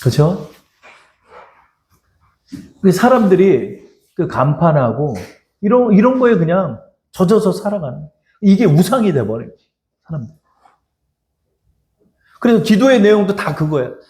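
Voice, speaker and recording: A male pastor preaching in an echoey church sanctuary. His fairly high voice swoops up and down with lively emphasis as he exhorts his congregation and speaks to them directly. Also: unhurried, pauses often. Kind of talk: sermon.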